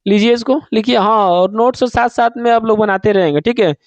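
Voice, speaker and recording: High-voiced man teaching Hindi grammar. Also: a little fast, no echo. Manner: asks students questions and answers them himself; calls students "babu", repeats key points. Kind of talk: online exam-prep class.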